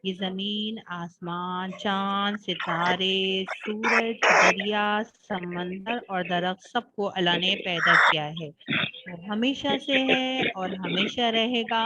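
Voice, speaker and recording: A woman teaching an online class and reading slowly and deliberately, her voice crackling and distorted from a faulty mic. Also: medium pitch. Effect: crackling distorted audio from a faulty mic. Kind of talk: online religious class lesson. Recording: crackly online call with loud static.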